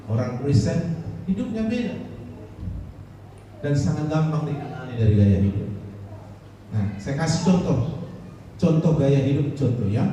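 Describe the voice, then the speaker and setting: Animated preaching man in an echoey hall. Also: slight background noise. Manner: animated preaching with dramatic pitch swings. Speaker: pastor. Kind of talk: sermon. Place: church hall. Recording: echoey hall, distant mic.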